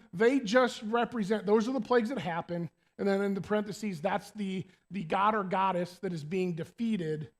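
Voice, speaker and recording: Male preacher, high voice, animated and conversational, church sermon. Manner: animated, talks to the congregation directly.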